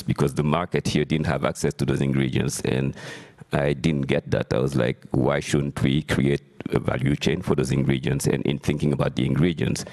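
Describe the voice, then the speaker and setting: Man from Senegal, panel speaker, extremely low voice, measured storytelling with fillers. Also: a little mellow. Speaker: chef and panelist.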